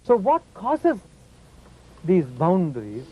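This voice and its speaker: High-voiced man preaching on oneness. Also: huge pitch swings, slow pace, lo-fi sound. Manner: questioning, playful, preaching. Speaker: yoga teacher. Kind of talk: lively spiritual talk.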